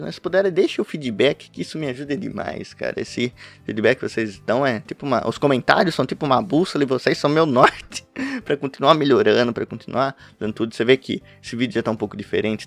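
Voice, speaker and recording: A man with a medium-pitched, brisk voice and some vocal fry talks casually into his home webcam, soft music playing behind him. He hosts a podcast reviewing manga and rambles about a favorite title, cutting himself off and laughing often between thoughts.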